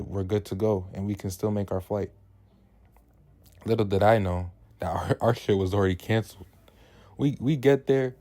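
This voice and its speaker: A man's voice: deep voice, mellow. A young man from New York telling a profane, slangy storytime in a laid-back way. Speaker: vlogger. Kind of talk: casual storytime vlog.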